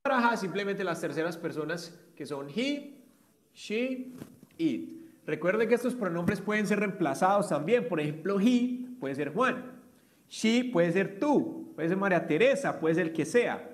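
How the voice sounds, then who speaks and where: High-voiced man teaching grammar. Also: animated, unhurried. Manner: explains step by step, checks with "¿sí?". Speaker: English teacher. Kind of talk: online class explanation.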